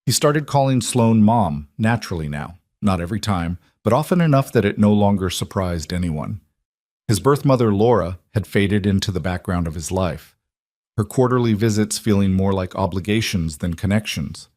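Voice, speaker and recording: A male narrator reads a scripted story in a steady, measured delivery. His voice is low and the recording is close and dry. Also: no echo.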